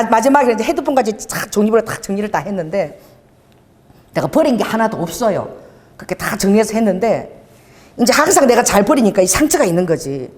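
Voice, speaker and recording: A slightly high-voiced middle-aged woman pastor preaches with personal anecdotes, recounting a story about her husband in lively style. She plays out the quoted dialogue and laughs a lot, and the church hall gives a big-room sound.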